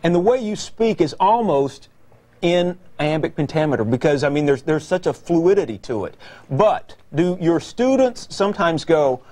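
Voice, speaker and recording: A man hosting a morning show, chatty and quick to laugh, asking animated questions. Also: on the high side.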